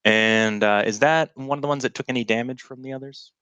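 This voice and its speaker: A man's voice: mid-range voice, fairly even intonation, fairly quick, bright, forceful tone, clear, resonant tone, dry recording. A man who is a guest player in a tabletop game, careful and checking details before he acts.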